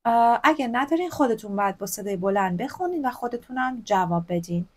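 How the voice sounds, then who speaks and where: A woman with a Persian accent teaching a textbook lesson, reading English examples slowly and explaining them in a chatty way. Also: fairly high pitch, lively intonation. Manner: chatty, corrects herself openly.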